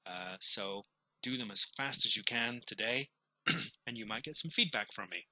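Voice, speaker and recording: A man teaching a recorded online lesson, walking students through each point with small fillers and repeats. His voice is strikingly bright and forceful, with a husky edge. The sound is dry and close, with no room around it. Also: medium pitch, expressive, normal speed, dry recording, rough recording. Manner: explains step by step, with fillers and repeated words.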